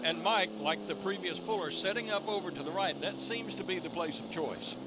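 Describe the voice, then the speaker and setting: A man's voice: high voice, fairly quick, heavy background noise. A man hosting televised tractor pull coverage as an announcer, introducing pullers in a broadcast commentary style. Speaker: host and play-by-play announcer.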